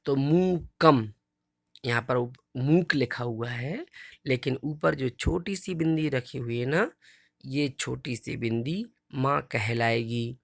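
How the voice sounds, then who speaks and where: A man's voice: mid-range voice, gravelly, no room sound, studio quality. A man teaching a Sanskrit lesson to children, reciting verses syllable by syllable and explaining patiently. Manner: slow, drawn-out recitation of each syllable.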